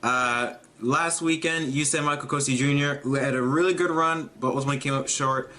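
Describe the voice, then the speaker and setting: A sim racing league host chats casually through a race pre-show livestream, a little congested from allergies. His mid-range voice is steady, brisk and sharp, and he brightens into an upbeat announcer whenever he does intros.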